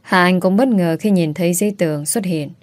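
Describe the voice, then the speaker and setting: A woman narrates a romance audiobook in a steady, dramatic storytelling manner. Her voice sits on the low side, and the recording is close and dry with no room sound. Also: moderate pace, dry recording.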